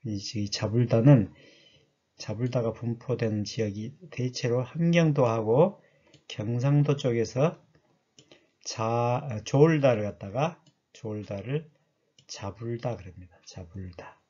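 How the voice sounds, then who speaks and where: A man's voice: medium pitch, slow, mellow, breathy edge, muffled recording. A man giving a chatty lecture that explains dialect words, often asking his listeners questions.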